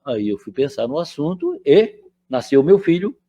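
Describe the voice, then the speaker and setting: A man's voice: on the high side, big pitch swings, moderate pace, dark tone, muffled recording. An older man, giving a conversational spiritual lecture and often checking in with his listeners. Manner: chatty, keeps checking in with the audience.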